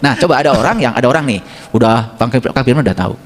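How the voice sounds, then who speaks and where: A man's voice: medium pitch, rapid-fire. A middle-aged man giving an informal sermon as a religious teacher. He keeps asking the congregation questions and acts out little dialogues. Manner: animated, asks the audience questions and acts out dialogues. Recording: long hall reverb.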